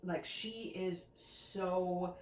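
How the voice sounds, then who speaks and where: A woman's voice: lowish voice, steady tone, extremely slow. A woman ranting casually and without a filter, exasperated and given to emphatic exaggeration. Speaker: guest giving opinions on a TV series. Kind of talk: casual rant. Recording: echoey, roomy home recording.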